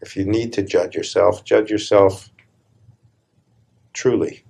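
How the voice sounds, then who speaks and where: A man leading a guided meditation as a spiritual teacher, calm and deliberate, with a gravelly, husky voice and measured pauses between short phrases. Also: sits low.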